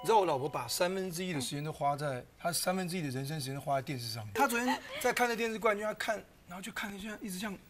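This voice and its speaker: Guy guest talking super fast, tripping on words, music under it. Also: high voice, animated, fairly bright tone. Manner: rushed, chatty explaining, stumbles over words. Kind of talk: talk show chat.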